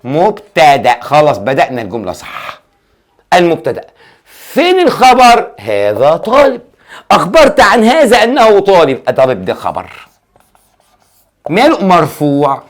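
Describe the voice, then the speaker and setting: A male Arabic grammar teacher with an Egyptian accent gives a classroom lesson in a slightly high voice whose pitch swoops wildly. He speaks at a moderate pace with long pauses, quizzing aloud, answering his own questions, and often drawing out key words for emphasis.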